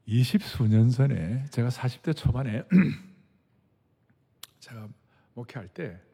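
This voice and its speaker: Gravelly older pastor in a reverberant sanctuary. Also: male voice, medium pitch, lively intonation, slow. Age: 60s. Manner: emphatic, repeats key phrases, swings between hushed and loud. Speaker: senior pastor. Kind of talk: sermon with personal anecdote. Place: large church sanctuary. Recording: long reverb of a big hall.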